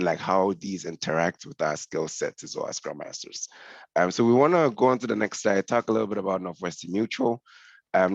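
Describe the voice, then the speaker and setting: This deep-voiced man from Ghana, a senior scrum master, presents a webinar on a video call through his headset. He talks conversationally and explains as he goes. There's no room sound, but the call audio is dull and lo-fi.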